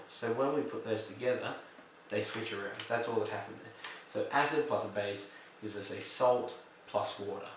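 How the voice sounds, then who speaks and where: A man's voice: fairly low pitch, far from the mic, slight background noise. Man teaching chemistry in an echoey room. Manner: relaxed, explanatory, with fillers and self-corrections. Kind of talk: recorded lesson explaining reactions.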